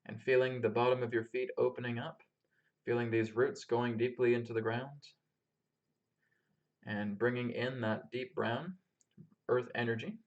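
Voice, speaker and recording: A man calmly leading a guided grounding meditation as a spiritual teacher, giving step-by-step instructions to listeners. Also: mid-range voice, moderate pace, pauses often, muffled recording. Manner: calm, instructing listeners step by step through breathing. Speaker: spiritual teacher and healer leading a live session.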